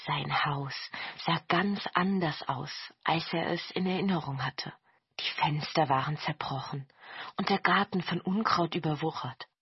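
Low-voiced woman telling a fairy tale. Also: a little hiss or hum. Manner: calm, measured. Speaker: storyteller. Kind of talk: scripted fairy tale narration. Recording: dull lo-fi with faint music.

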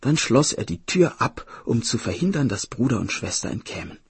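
A man narrating a folk tale in an expressive, dramatic storybook reading. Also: medium pitch, normal speed, noisy background.

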